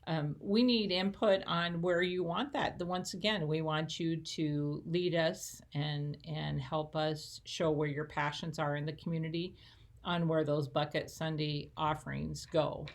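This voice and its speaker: A woman's voice: deep voice, fairly even intonation, measured pace. A woman who coordinates church missions, chatting casually with many fillers and easy laughter. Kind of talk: casual chat.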